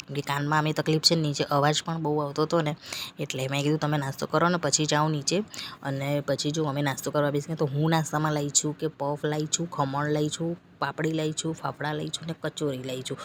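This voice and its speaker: A woman in her thirties chatting casually to camera for her family vlog, telling homely stories as she goes about her day. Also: deep voice. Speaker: family vlogger. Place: at home, then outdoors by a busy street market. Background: rain, traffic and market noise.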